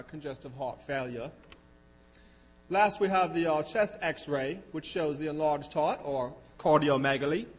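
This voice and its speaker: A man's voice: a little high, in a large hall. A man presenting a medical case in a put-on Australian accent, playful and hesitant with many fillers.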